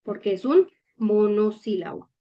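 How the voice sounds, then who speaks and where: A German teacher leads a language lesson at a very slow, deliberate pace, explaining patiently and often checking in with viewers through short questions. Her animated voice is middle-pitched, and the recording is a little dull and lo-fi.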